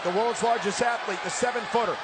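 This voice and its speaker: A man's voice: sits high, fairly even intonation, quick pace. A man giving live wrestling commentary as play-by-play announcer, calling the action with dramatic emphasis. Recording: loud arena noise behind the voice.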